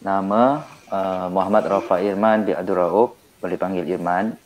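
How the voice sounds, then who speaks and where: A low, deep-voiced man with a Malaysian accent speaks as a panel guest. He gives a short, formal introduction. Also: level tone, moderate pace, a little mellow. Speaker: panel guest, foundation executive. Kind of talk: brief formal self-introduction.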